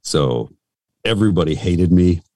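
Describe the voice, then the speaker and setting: A middle-aged man with a very low, deep voice tells stories in a casual interview, wandering through his thoughts with fillers and false starts. The recording is close and dry, with no room sound. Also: expressive, normal speed, a little mellow, no echo. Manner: rambling, full of fillers and restarts. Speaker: radio host and voice actor, interview guest.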